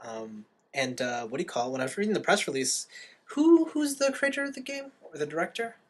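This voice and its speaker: A man's voice: on the high side, very animated, fairly quick. A man co-hosting a podcast, chatting casually and animatedly as he leads the segments. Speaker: podcast co-host. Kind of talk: casual chat.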